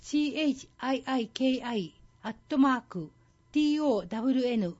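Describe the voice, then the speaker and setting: A woman's voice: high voice, animated, a little fast, darkish tone, lo-fi sound. A woman reading scripted narration as a storyteller.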